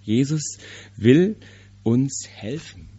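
A man preaching a sermon, telling personal stories with lively emphasis and sudden quiet drops. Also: mid-range voice, extremely slow, slightly rough. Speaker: pastor. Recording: slightly dull, lo-fi.

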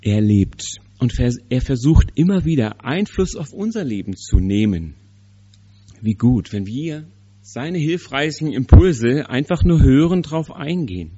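A man preaching a sermon, telling personal stories with lively emphasis and sudden quiet drops. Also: medium pitch, measured pace, slightly rough. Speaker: pastor. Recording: slightly dull, lo-fi.

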